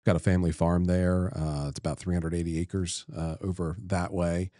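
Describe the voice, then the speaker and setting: A middle-aged Delaware state senator, guesting in a casual interview, spins stories in an easygoing, folksy, unhurried way. His voice is deep and dark with little pitch movement, and the studio sound is clean with no echo.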